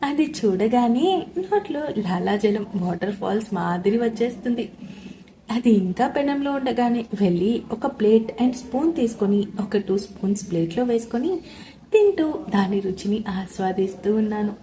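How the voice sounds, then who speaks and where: A young woman narrating a romance story in the first person with a lively, expressive reading. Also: a little high, moderate pace.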